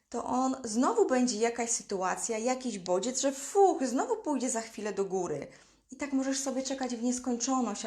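Higher-pitched woman coaching listeners directly. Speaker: life coach. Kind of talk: live motivational talk.

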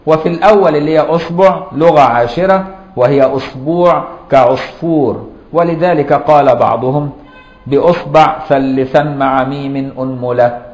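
A man with an Egyptian accent giving a classroom lecture. He explains patiently and checks that students follow with rhetorical questions, sometimes chanting verses slowly. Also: medium pitch, darkish tone. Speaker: Islamic jurisprudence teacher. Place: lecture hall or mosque. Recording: roomy, dull lo-fi lecture recording.

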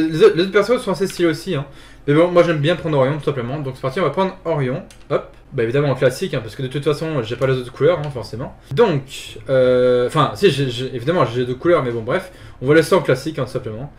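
A man casually commenting on his own gameplay, chatty and full of fillers, with excited yelps when the fighting gets hot. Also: fairly high pitch. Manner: chatty, filler-heavy, repeats "tout simplement". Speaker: gaming video host. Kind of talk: casual let's play commentary.

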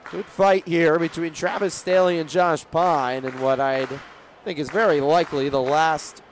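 A young man calls live baseball play-by-play for radio from an outdoor ballpark, his voice fairly high, steady in tone, and measured in pace. Crowd and stadium noise fill the background behind him.

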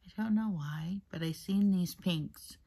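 A beauty vlogger with a lowish, gravelly voice chats casually at a measured pace through a get-ready-with-me makeup routine, soft, half-whispered, and rambling. She's recording at her mother's place using only the camera's built-in mic.

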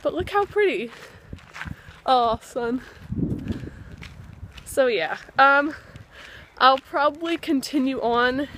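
A woman's voice: fairly high pitch, a bit bright, a little hiss or hum. A woman in her twenties chatting casually and upbeat to her vlog viewers, full of "like" and "um". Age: 20s. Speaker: vlogger.

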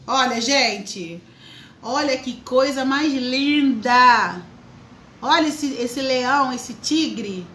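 A woman's voice: high voice, extremely slow, bright, forceful tone, roomy sound, a little hiss or hum, rough recording. A woman hosting a live craft tutorial, chatting and greeting viewers by name as she works. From Brazil. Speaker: craft teacher, live stream host.

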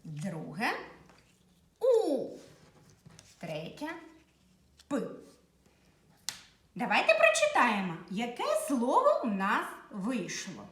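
A woman teacher giving a slow, patient reading and writing lesson to young children. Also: a little high, wildly swooping pitch, a bit bright, echoey room. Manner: slow, clear, patient dictation to young pupils. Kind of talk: early literacy lesson for children.

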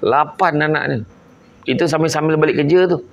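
A man's voice: on the high side, fairly even intonation, a little fast, highs cut off, noisy background. A male preacher with a Malaysian Malay accent gives a humorous religious talk and teases his live audience. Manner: joking and teasing with the crowd, switching between I and aku.

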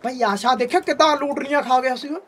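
Very high-pitched young man, hearty banter. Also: fast, fairly bright tone. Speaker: gaming video host. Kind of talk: casual gameplay commentary. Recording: distant mic, faint background noise.

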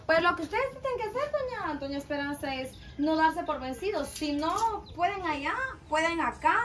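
High-voiced woman interviewer. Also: normal speed. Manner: calm, encouraging and advising. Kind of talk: conversational interview. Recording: faint outdoor noise, phone video.

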